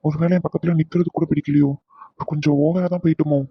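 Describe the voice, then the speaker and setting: Guy doing a fast-talking cartoon dude, fumbles with "ah"s a lot, kinda high, muffled dry sound. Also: flat delivery, vocal fry, breathy edge, dry recording. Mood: musing. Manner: chatty, defensive, lots of hesitant "ah"s. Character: talkative young man, the boy's friend. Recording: dull dry lo-fi.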